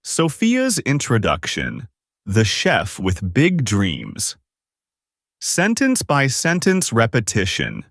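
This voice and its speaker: A man teaching English, speaking slowly and very clearly with emphatic delivery. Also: medium pitch, wildly swooping pitch, fairly bright tone, dry recording, clean studio sound. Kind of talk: slow instructional narration.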